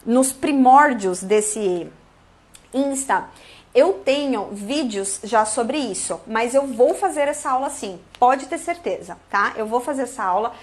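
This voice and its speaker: A Brazilian woman with a Brazilian Portuguese accent, an English teacher chatting through a live online lesson in a lively way and acting out little dialogues. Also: fairly high pitch, measured pace.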